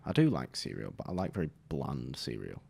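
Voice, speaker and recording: A British man talking casually as a podcast guest, with a dry, deadpan sense of humor. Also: rumbling low, fairly quick, creaky, slightly rough. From Britain. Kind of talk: casual chat.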